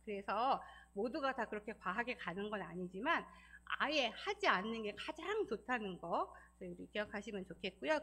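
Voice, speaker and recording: A woman's voice: fairly high pitch, pushed and bright. A woman giving a church seminar lecture, explaining step by step, asking the audience questions and acting out parents scolding. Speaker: church lecturer on child abuse.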